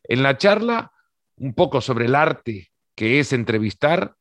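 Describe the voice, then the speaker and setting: A man's voice: mid-range voice, very animated, unhurried, a bit bright, no echo. A man hosting a podcast interview who opens with a scripted introduction and then chats casually, often restarting his phrases. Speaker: podcast host.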